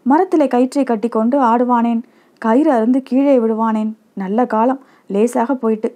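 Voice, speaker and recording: A woman's voice: fairly high pitch, normal speed, dark tone, natural voice. A woman voicing a middle-aged village aunt in a storybook reading, grumbling and scolding.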